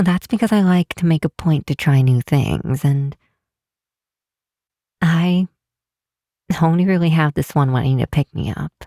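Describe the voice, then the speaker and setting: In an intimate ASMR roleplay, a woman plays a caring best friend with teasing fondness. Her low voice moves very slowly and gently, hesitant and unhurried with frequent pauses. The sound is close and dry, with no echo.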